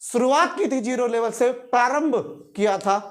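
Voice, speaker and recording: A man's voice: extremely high pitch, moderate pace, a bit bright. Guy teaching a class, keeps asking questions n repeating the key words back. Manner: quizzing students in call-and-response; repeats and stresses key terms. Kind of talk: classroom lecture.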